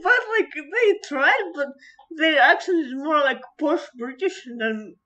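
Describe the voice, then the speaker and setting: A woman's voice: high voice, animated, unhurried, bright, forceful tone, low-quality recording. A woman co-hosting a podcast, talking casually and hesitantly with many fillers and giggles. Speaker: podcast co-host. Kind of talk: casual chat.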